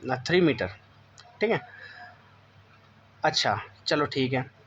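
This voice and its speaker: A man teaching a class ten physics lesson, often asking students questions and checking that they follow. He keeps saying "okay" and reads English textbook lines in an Indian English accent, slowly and deliberately. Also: medium pitch, expressive, fairly bright tone, muffled recording, slight background noise. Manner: addresses students as beta, repeats "theek hai" often. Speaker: physics tutor. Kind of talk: board-exam coaching lesson.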